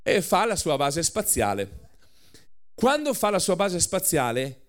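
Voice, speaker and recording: A man preaching a sermon, telling a story with lively acted-out quotes and short laughs between lines. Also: on the high side.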